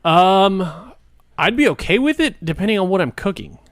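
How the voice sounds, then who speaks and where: A man's voice: sits high, big pitch swings, moderate pace, a bit bright, no echo, studio quality. A man co-hosting a podcast, talking bluntly and jokily in casual chat. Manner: blunt, laid-back, jokey. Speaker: podcast co-host.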